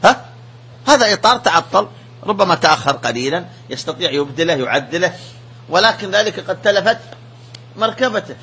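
Male sheikh, emphatic religious lesson, bright tense voice. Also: sits high, fairly quick, breathy edge. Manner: emphatic, animated preaching.

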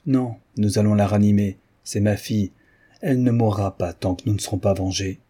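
A man's voice: fairly low pitch, steady tone, a little fast, warm tone, breathy edge. A man voicing a proud, fierce old Russian father who cries out in bursts of anger. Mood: grim, tender.

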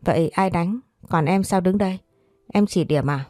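Woman doing a nosy teasing young guy, keeps asking stuff, low mellow voice, dry audiobook. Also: moderate pace, no room sound, faint music behind, close to an everyday voice. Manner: teasing questions. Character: teasing young man, curious and persistent.

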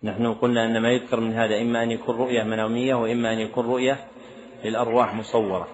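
A man's voice: mid-range voice, little pitch movement, rapid-fire, a little hiss or hum. A man teaching a religious text, reading out written questions from students and answering them briefly and firmly. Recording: dull lo-fi lecture recording.

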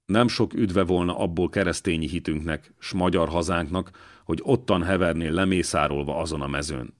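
Brief: gruff old man, deep and slow-spoken, fatherly and weighty, read by a male narrator. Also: fairly even intonation, lightly acted. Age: older. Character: wounded old man, former royal servant, gruff, fatherly.

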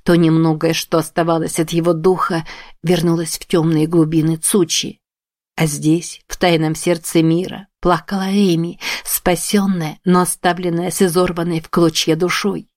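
A woman narrating a fantasy audiobook in a steady, even storytelling voice. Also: lowish voice, moderate pace, no room sound, studio quality. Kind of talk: scripted narration.

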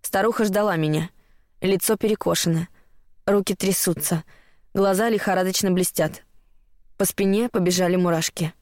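A woman narrating a horror story in the first person, in a measured, tense storytelling manner. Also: lowish voice, a little mellow, no room sound, studio quality.

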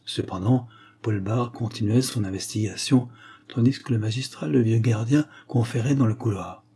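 A man narrating a detective story aloud in steady, measured storytelling. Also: medium pitch, a little hiss or hum. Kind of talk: audiobook reading of a detective story.

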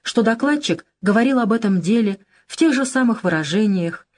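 A woman reading classic prose aloud as an audiobook narrator, in a measured and even way. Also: on the high side. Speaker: audiobook reader.

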